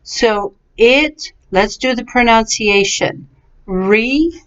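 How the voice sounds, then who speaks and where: Patient woman teaching pronunciation slowly. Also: fairly high pitch, lively intonation. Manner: patient, encouraging, drawn-out syllables. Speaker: English teacher. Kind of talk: slow, clearly enunciated vocabulary and pronunciation lesson. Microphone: webcam. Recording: slightly dull, lo-fi webcam recording.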